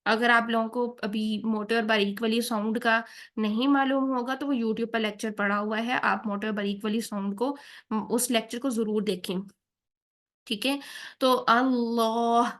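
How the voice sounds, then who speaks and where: A woman's voice: on the high side, fairly even intonation, a bit bright. Patient woman teaching Quran recitation rules. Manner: patient, checks in with "theek hai?" after each point. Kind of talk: tajweed lesson with slow recited examples.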